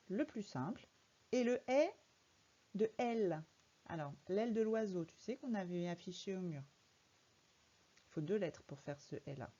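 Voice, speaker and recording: In a recorded reading lesson, a woman who teaches primary school patiently spells words out letter by letter for a young child. She has a lowish, dark-toned voice, captured in dull audio.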